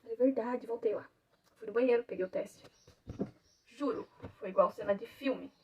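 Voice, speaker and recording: A woman's voice: a little high, moderate pace. Young mother telling a story, far from the mic. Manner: animated, acts out quoted dialogue, laughs often. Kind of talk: emotional personal storytelling. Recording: distant mic, dull lo-fi sound, faint noise.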